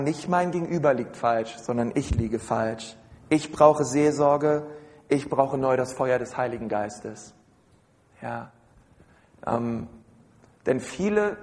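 A man's voice: mid-range voice, a little mellow, in a large hall. A man preaching a sermon in a conversational way, with many fillers and asides and frequent rhetorical questions to the congregation.

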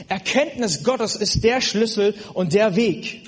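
High-voiced man preaching earnestly. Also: takes it slowly. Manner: earnest, direct address to listener. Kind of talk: sermon.

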